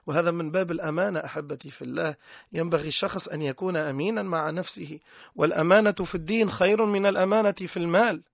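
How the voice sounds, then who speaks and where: Here a Tunisian man delivers a forceful religious lesson, mixing colloquial and formal Arabic and elongating words to show what is wrong. His high voice is creaky and a bit bright, captured in a dull, lo-fi, dry recording without echo.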